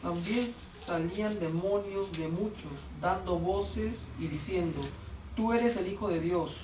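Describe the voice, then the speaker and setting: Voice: medium pitch, unhurried. A congregation member reading Bible verses aloud in a plain voice and repeating them when asked. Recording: distant, echoey, noisy room.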